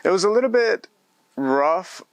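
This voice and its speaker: A man's voice: high voice, lively intonation, a little slow, no room sound. Man, 30s, from Ecuador, casual interview, friendly, many ums, dry recording. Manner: friendly, frequent fillers and restarts. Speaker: postdoctoral researcher, interviewee.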